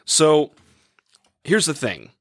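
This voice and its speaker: A man's voice: a little high, big pitch swings, very slow, no room sound, clean studio sound. A young man who is a priest, talking casually and thinking aloud while losing his voice after a long day. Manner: rambling, thinking aloud with many fillers. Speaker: priest and podcast co-host. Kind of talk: casual chat, reading letters aloud.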